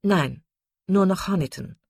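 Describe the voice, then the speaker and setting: A woman's voice: on the low side, measured pace, gravelly, darkish tone, breathy edge, no room sound, studio quality, exaggerated voice. A woman voicing a serious, reserved male colonel in a read-aloud novel, formal and grave.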